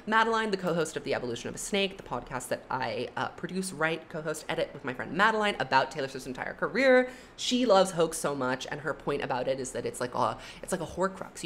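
A young adult woman with a low voice that swings widely in pitch, chatting in a lively, opinionated way and leaning on "like" fillers. A faint hiss of room noise sits under the recording. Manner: animated, chatty, frequent "like" fillers. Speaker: music commentary YouTuber. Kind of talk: casual opinionated album ranking.

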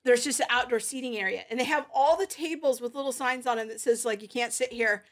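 A woman's voice: fairly high pitch, fast, fairly bright tone. A woman co-hosting a casual live-stream chat, chatty and upbeat, laughing often. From California. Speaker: co-host.

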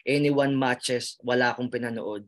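A man's voice: medium pitch, steady tone, normal speed, a bit bright. A Filipino man with a Filipino accent, a nurse telling his story in an emotional interview, earnest and full of restarts and fillers, often calling the host sir. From Philippines. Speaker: interviewee, nurse who passed the licensure exam.

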